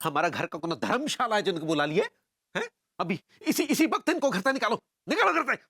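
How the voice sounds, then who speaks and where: An actor playing a short-tempered, jealous middle-aged husband who shouts and stammers. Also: male voice, on the high side, lively intonation, a little fast, no echo, clean studio sound. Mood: blustering.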